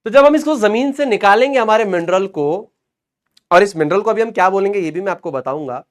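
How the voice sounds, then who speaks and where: A young man teaching a lesson in a lively, joking way, repeating questions and answers to drill them in. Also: high-pitched, a little fast. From Rajasthan, India. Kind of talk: explanatory lesson.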